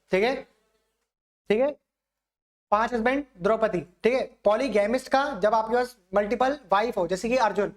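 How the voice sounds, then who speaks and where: A young man teaching exam vocabulary, explaining each word with everyday examples and asking the class often if it is clear. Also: high voice. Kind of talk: vocabulary lesson.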